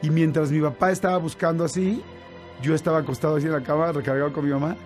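A man with a Mexican accent telling a personal story in casual chat, animated and full of fillers and restarts. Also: a little high, fast, soft background music. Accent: Mexican Spanish.

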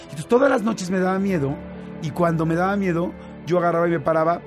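A man with a Mexican accent telling a personal story in casual chat, animated and full of fillers and restarts. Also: high-pitched, quick pace, faint music behind. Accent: Mexican Spanish.

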